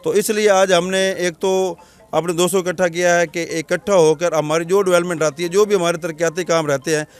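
A man's voice: sits high, steady tone, fairly quick. A middle-aged man with a Punjabi accent, talking at length in an earnest, rambling way as a local councillor in a street interview, into a handheld mic. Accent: Punjabi-accented Urdu. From Pakistan. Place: outdoors in a crowded street. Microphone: handheld reporter mic.

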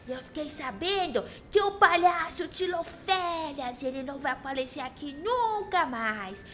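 A woman's voice: high voice, expressive, normal speed, fairly bright tone, slight background noise. A woman voicing a cheeky, feisty little girl who hosts a children's Minecraft role-play, exclaiming in a childlike, bratty way. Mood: cheerful. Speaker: host of children's gaming channel. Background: music.

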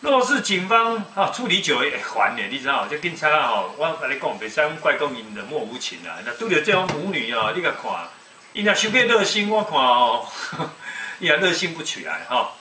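Animated Taiwanese man in his fifties. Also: fairly high pitch, brisk. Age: 50s. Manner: animated, folksy, mixes Mandarin and Taiwanese Hokkien. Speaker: web TV commentator. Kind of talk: casual commentary on news. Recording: echoey room, distant mic, faint noise.

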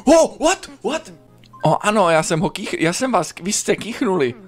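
A man streaming a video game, commenting casually and crudely, swearing often and breaking into sudden high yelps. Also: soft background music. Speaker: gaming streamer. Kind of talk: casual let's-play commentary.

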